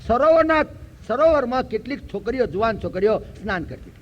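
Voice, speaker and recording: An older man from Gujarat giving a spiritual lecture, telling stories and slowly chanting verses. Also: very high voice, expressive, slight background noise. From Gujarat, India. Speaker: preacher. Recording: dull lo-fi recording.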